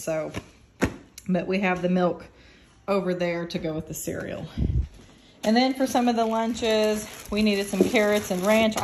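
A woman's voice: mid-range voice, slight background noise, rough recording. A young woman chatting casually through a grocery haul at her kitchen table, often losing her place and correcting herself. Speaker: family vlogger.

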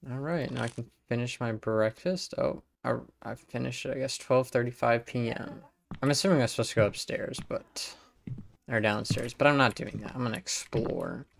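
A gaming YouTuber with a medium-pitched, creaky voice speaking at normal speed plays horror games. His commentary is sarcastic, joking and profane.

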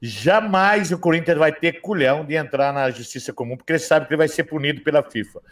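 A man's voice: on the high side, fast talker. Stammering São man in a heated debate. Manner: defensive, repeats himself, stammers. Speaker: São Paulo fan panelist.

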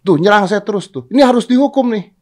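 A man's voice: high-pitched, animated, quick pace, a little mellow, pitched above the performer's own voice. A man voicing a stubborn male donkey in a told fable, squealing and chanting insults. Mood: shrill accusing.

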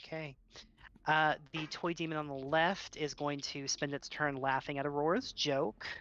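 A game master narrating a tabletop game in an unhurried way, with many filler uhs. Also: mid-range voice, fairly even intonation, fairly bright tone, dull audio.

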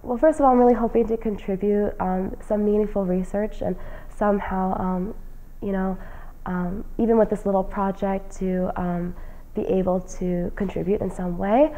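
In an indoor lounge furnished with plants and a leather chair, a graduating senior and fellowship recipient from New Jersey gives interview answers. The young woman's voice is mellow, steady, and medium-pitched, at a moderate pace. She's earnest and casual, saying "um" often, though the audio quality is poor.

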